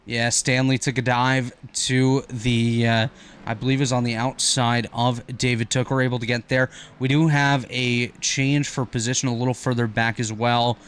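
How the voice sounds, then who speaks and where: A man calling an online racing broadcast as play-by-play commentator, talking quickly and correcting himself on the fly. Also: medium pitch, a little hiss or hum. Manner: rapid, energetic play-by-play with quick self-corrections.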